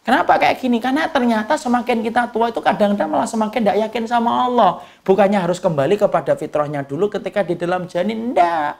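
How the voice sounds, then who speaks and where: A man's voice: quick pace, creaky. A male preacher, giving a folksy sermon that asks the audience questions and answers them himself. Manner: folksy and joking, wide swings in pitch. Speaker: Islamic preacher. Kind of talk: sermon lecture.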